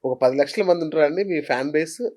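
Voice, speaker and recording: A woman hosting a talk show, effusive and quick to praise her guest. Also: low voice, mellow. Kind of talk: casual interview chat.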